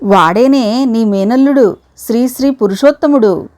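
A woman's voice: fairly high pitch, measured pace, darkish tone, voice pushed up, close to an everyday voice. A woman voicing a wry retired man in his sixties in a read-aloud story, speaking in a dry, teasing way.

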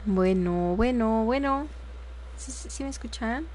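A woman's voice: a little high, unhurried, darkish tone, a little hiss or hum. Exasperated young woman streaming a game. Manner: frustrated, exclamatory, talks to herself and viewers. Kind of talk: live gameplay commentary.

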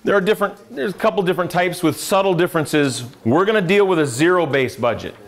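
This financial adviser, a middle-aged man from the US, talks quickly in a high voice while teaching a live classroom seminar. Conversational throughout, he tests the room with questions and adds dry, sarcastic asides.

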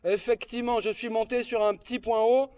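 A man's voice: very high voice, little pitch movement, fairly quick, darkish tone, clean tone. A man working as an amateur radio operator, speaking over a handheld walkie-talkie from a hilltop in a ham radio exchange full of call signs and signal reports. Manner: repeats the other operator's name and "QSL" often. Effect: heard over a handheld walkie-talkie radio link. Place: outdoors on a hilltop. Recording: faint, distant, lo-fi radio transmission.

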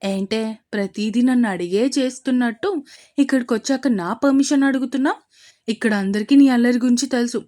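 A woman voicing a sharp-tongued young mother who talks in a brisk, scolding way. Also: a little high, close to an everyday voice.

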